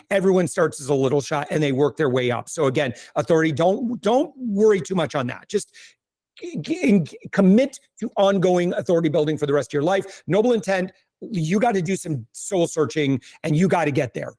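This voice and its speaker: A man speaking as a podcast guest, giving energetic, coaching business advice with quick asides and restarts. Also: fairly high pitch, no room sound. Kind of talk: casual podcast conversation.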